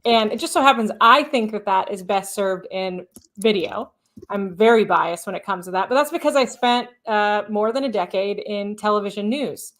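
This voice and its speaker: A woman's voice: medium pitch, moderate pace, a bit bright. A woman speaking passionately as a guest on a live podcast, with a polished news-reporter cadence. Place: stage at a live event.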